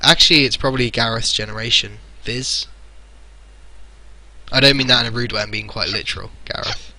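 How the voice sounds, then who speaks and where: A man's voice: mid-range voice, fairly even intonation, a little fast, sharp tone, low-quality recording. A man co-hosting a game stream, muttering playfully to himself as he plays. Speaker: co-host playing the game on stream. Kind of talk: casual gameplay chatter.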